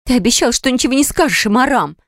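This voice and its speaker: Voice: medium pitch, sing-song, a little fast, a little mellow, no room sound, clean studio sound, voice pushed up, natural voice. A woman reader voicing a young wife who wails and pleads, in an audiobook story. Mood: pleading, whiny. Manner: wailing, pleading. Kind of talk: audiobook character voice.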